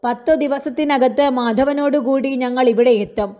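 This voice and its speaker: Brief: a firm, grieving older gentleman, read by a woman, mellow tone. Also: sits high, steady tone, normal speed, close to an everyday voice. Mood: resolute.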